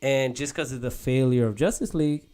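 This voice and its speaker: A young man hosting a casual podcast chat, rambling and animated, with lots of "bro" and restarts. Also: mid-range voice, brisk, clear, resonant tone. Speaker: podcast host. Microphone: podcast mic.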